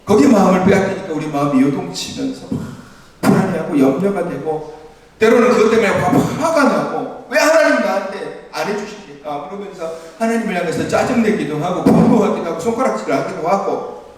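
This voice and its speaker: A man's voice: high voice, animated, a little fast. A man preaching a Sunday morning sermon as pastor, earnest and exhorting, recorded from a distance in an echoey church hall. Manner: earnest, exhorting, with light laughs. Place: church sanctuary.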